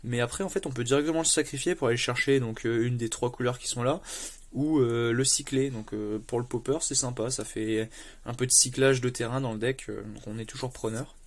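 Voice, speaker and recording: A man's voice: medium pitch, brisk. Chatty man opening card packs. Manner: chatty, with lots of fillers and bursts of excitement; stumbles over English card names. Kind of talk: casual unboxing commentary.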